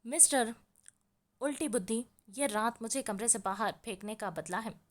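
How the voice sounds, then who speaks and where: Woman reading as a stubborn young heroine, defiant, taunting, sharp-tongued. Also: fairly high pitch, normal speed, natural voice.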